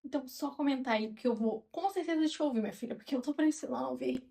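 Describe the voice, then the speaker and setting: A woman in her twenties with a Brazilian Portuguese accent, chatting calmly and openly to her viewers like a friend. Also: high voice, fast talker, creaky. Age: 20s. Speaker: vlogger. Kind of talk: casual chat to camera.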